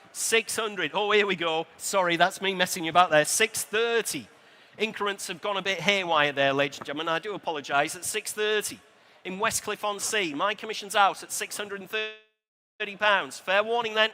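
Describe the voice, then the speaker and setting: A man with a British accent working as an auctioneer, calling a live sale in a brisk chant of repeated bids. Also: high voice, sharp tone.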